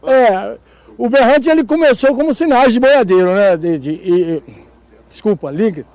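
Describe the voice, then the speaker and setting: A man's voice: high-pitched, lively intonation, normal speed, darkish tone, dry recording. A man who plays the cattle horn, answering a reporter outdoors at a farm fair in a folksy, laughing, rambling way. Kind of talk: casual interview answers.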